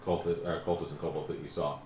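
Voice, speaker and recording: A man with an extremely low voice narrates a tabletop game casually as game master. The room is echoey, with a little background noise. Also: flat delivery, quick pace, darkish tone.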